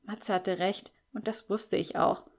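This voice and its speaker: A woman narrating a first-person novel in an audiobook, with lively, expressive storytelling. Her reading is scripted and carefully paced for listeners. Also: medium pitch, measured pace, creaky.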